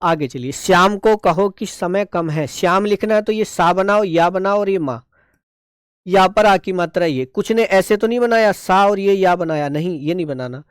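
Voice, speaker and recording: A man's voice: high voice, moderate pace, clear, resonant tone, dry recording, studio quality. A man teaching a shorthand class, explaining each stroke step by step and checking in often. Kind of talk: online class lesson.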